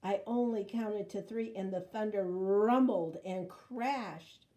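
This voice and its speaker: A woman reading a children's story aloud in an expressive, dramatic way, drawing out words. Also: mid-range voice. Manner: dramatic, with drawn-out words and sound words. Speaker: storybook reader.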